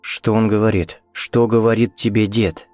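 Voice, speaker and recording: A steady, coaxing hypnotist asks gentle, guiding questions, as a man reads his lines. The voice is low and close, with a dry sound. Faint music plays behind this horror audiobook. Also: moderate pace, no echo, lightly acted. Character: calm male hypnotist guiding his friend.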